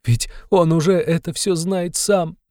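A man's voice: fairly high pitch, steady tone, measured pace, a little mellow, dry recording, studio quality, voice pushed up, close to an everyday voice. A man reading an audiobook, voicing a desperate devout young woman who exclaims and pleads. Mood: anguished.

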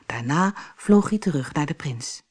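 A woman reading a fairy tale aloud for an audiobook in a calm, clear storytelling manner. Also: sits low, measured pace. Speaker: narrator. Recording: faint music behind the voice.

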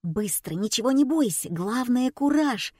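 A woman's voice: a little high, lively intonation, a little slow, a little mellow, husky, no echo, clean studio sound, voice pushed up. A woman voicing a bossy male stagehand who hisses instructions in a whisper. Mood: urgent hissing. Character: bossy male stage hand, hissing orders.

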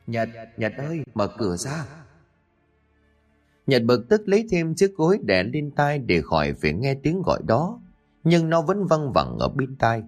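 A man narrating a scripted horror story in a lively, expressive way. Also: medium pitch.

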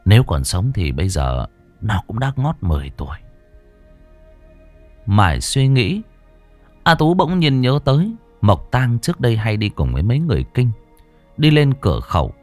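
A man narrating an audiobook story in an expressive, storytelling way. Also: lowish voice, moderate pace, pauses often, faint music behind. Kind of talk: scripted narration.

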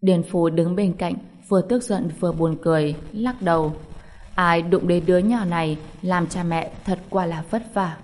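A woman narrating a novel as an audiobook, reading in an even, steady way. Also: on the low side, normal speed.

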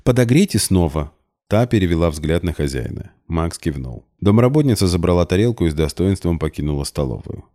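A man reading a novel aloud in even, unhurried scripted narration. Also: deep voice. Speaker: audiobook reader.

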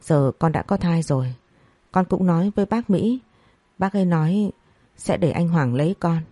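A woman's voice: fairly low pitch, moderate pace, warm tone, no echo, lightly acted. A woman voicing a pregnant young daughter begging her mother to let her marry. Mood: pleading.

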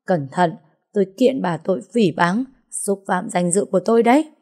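A woman's voice: mid-range voice, animated, normal speed, dark tone. A woman narrator voicing a young woman defending herself sharply in an audiobook story. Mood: defensive. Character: young woman accused, defiant and frightened.

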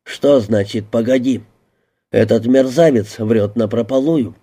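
A man's voice: medium pitch, measured pace, warm tone, lightly acted. A man doing a bullying tough-cop detective. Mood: scornful. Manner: harsh, pushy interrogation. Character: brash bullying male police detective.

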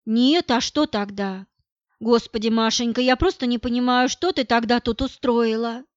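A woman's voice: a little high, moderate pace, no room sound, natural voice. A woman voicing a worried, insistent middle-aged mother who presses with questions, in a dull, dry recording.

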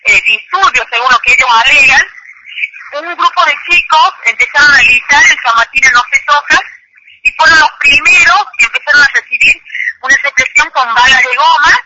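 A high-pitched woman in her thirties speaks earnestly over a phone line, pausing often with fillers. The sound is muffled, with steady hiss behind her. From Chilecito, Argentina. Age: 30s. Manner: hesitant, many fillers, earnest. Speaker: activist caller. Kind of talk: phone interview testimony.

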